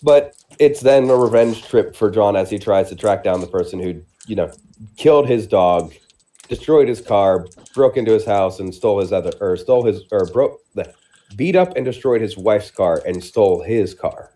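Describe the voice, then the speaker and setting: Another male podcast co-host talks movies in a casual, rambling way, frequently starting his sentences over. He has a lowish, dark voice with lively intonation and a moderate pace.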